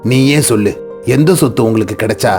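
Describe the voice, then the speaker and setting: A man voicing a gentle, fair old father. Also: mid-range voice, brisk, close to an everyday voice. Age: older. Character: kind, fair-minded elderly father. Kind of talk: cartoon voice acting. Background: background music.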